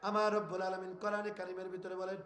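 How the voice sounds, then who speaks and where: High-pitched, bright Bangladeshi preacher. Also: male voice, completely flat delivery. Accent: northern Bangladeshi Bengali. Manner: chants Quran verses in drawn-out melody, shouts to crowd; acts out prophet's lines in rustic dialogue, scolds listeners. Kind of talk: Bengali waz sermon, storytelling.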